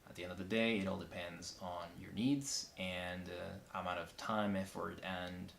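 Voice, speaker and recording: A man from Argentina explaining his engineering work in a measured, step-by-step way, with some restarts. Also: sits low, fairly even intonation, creaky, a bit bright, a little hiss or hum. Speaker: backend engineer. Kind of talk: solo recorded interview. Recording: echoey room.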